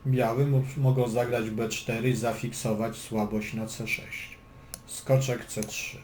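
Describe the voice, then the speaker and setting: A man's voice: medium pitch, little pitch movement, unhurried, a little mellow. A man giving a chess lesson, calling moves and explaining plans, with dry joking asides. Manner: dry joking asides between move calls. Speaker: chess instructor. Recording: echoey room with faint background noise.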